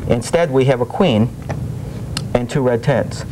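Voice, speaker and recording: A young man with a mid-pitched voice gives a demonstration in the patter of a shell game hustler. He instructs and challenges the onlooker as he goes. The old videotape recording has clear noise and a low rumble. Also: measured pace. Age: young adult. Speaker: magician demonstrating street swindles as a guest. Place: small TV studio set, indoors, at a table.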